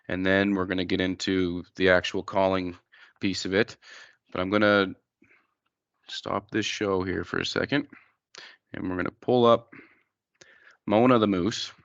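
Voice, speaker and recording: A man presenting an informal educational wildlife slideshow, explaining things in a plain-spoken, halting way. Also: low voice, clean tone, no echo, muffled recording.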